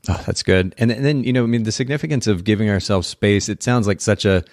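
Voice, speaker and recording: A man's voice: on the low side, fast talker, no echo, studio quality. A man hosting a podcast interview, thoughtful and conversational, often repeating words as he restarts his sentences. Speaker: podcast host.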